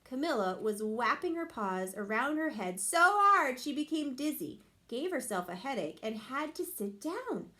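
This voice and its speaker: A woman teacher reading a picture book aloud to her class and explaining the lesson, with expressive storytelling. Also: sits high, unhurried, few pauses.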